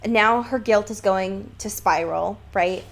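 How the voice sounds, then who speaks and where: Speaking slowly in a mid-range voice with vocal fry, this podcast co-host discusses a book. Her analysis is relaxed yet thoughtful, punctuated by emphatic, lightly profane phrasing.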